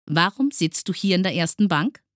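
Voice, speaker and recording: A woman's voice: fairly low pitch, lively intonation, normal speed, a bit bright, no room sound, studio quality, pitched above the performer's own voice. A woman voicing a strict male schoolteacher who barks harsh commands in a storybook reading. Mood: stern. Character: strict shouting male schoolteacher, stern and bossy.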